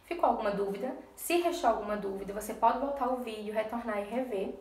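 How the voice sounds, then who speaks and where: Woman, schoolteacher, slightly high voice, patient step-by-step explaining, echoey room. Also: quick pace, a little mellow, distant mic. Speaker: primary school teacher. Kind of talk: recorded remote class for young children.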